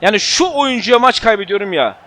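A man streaming his football video game, shouting at players and the referee and muttering to himself while he changes tactics. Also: high-pitched, lively intonation, brisk. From Turkey. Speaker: gaming YouTuber. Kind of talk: live gameplay commentary.

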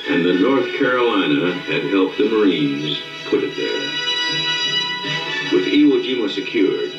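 Very deep male documentary narrator. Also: animated, a little slow, recorded from a distance. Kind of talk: scripted dramatic narration. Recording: muffled, echoey re-recording of a TV. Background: loud music.

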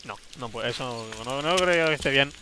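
A man's voice: medium pitch, expressive, normal speed, bright, forceful tone, a little hiss or hum. Jumpy man. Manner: jumpy, easily startled, thinks aloud, yelps and groans. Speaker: livestreaming gamer. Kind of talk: live horror game commentary.

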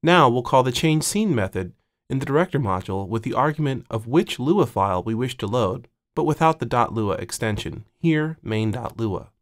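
A man instructing in a step-by-step screencast, speaking in a measured way and dictating code piece by piece into a close mic. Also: mid-range voice, expressive. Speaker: tutorial instructor.

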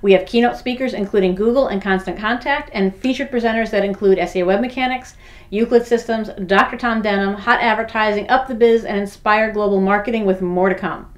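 A woman in her forties promoting a business event to the camera in an upbeat, brisk way, listing the details. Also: medium pitch. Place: in front of backdrop.

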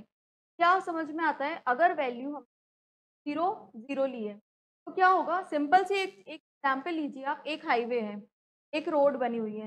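A woman's voice: high-pitched, a bit bright, rough recording. A woman, teaching a class and explaining step by step, often asking a question and then answering it herself. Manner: explanatory, asks and answers own questions, frequent "theek hai".

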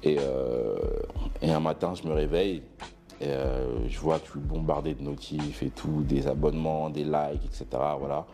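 A man in his thirties with Benin roots, giving a relaxed guest interview in a studio, hesitant with many fillers and restarts. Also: a bass voice, moderate pace, faint music behind. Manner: gestures broadly while seated. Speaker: brand founder, guest. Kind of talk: casual interview talk. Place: studio room with clothing racks, indoors.

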